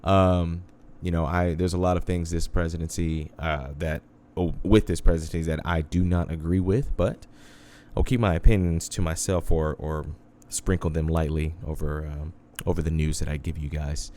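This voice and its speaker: A man with a very low, deep voice hosts a relaxed internet radio show. He talks to his listeners in a loose, chatty way and keeps calling them "guys." He lets a dry, sarcastic edge slip into his remarks. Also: normal speed, slight background noise. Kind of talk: casual internet radio hosting.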